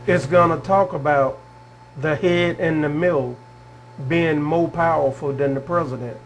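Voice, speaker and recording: A man explaining prophecy in a casual, sermon-like way. He is earnest and deliberate and keeps repeating phrases. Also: fairly high pitch, slight background noise, rough recording. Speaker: prophecy teacher.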